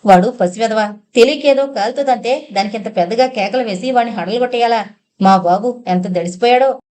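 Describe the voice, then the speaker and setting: A woman's voice: on the high side, brisk, warm tone, natural voice. A woman reading an audiobook, voicing a doting young mother who coaxes her son and bristles at her husband. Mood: indignant. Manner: coaxing and pleading, then sharply defensive. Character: doting young mother, indulgent and fiercely protective.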